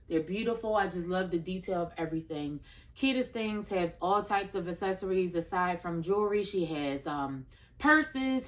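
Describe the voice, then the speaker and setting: A woman in her thirties hosting a children's storytime, chatting directly to her young viewers. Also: medium pitch. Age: 30s. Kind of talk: chatty introduction addressed to children.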